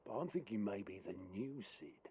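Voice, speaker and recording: A gruff male lieutenant from a fantasy video game. His voice is deep and extremely husky. He sounds dependable and measured, speaking plainly. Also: sing-song, mellow. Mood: confiding, steady. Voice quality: raspy.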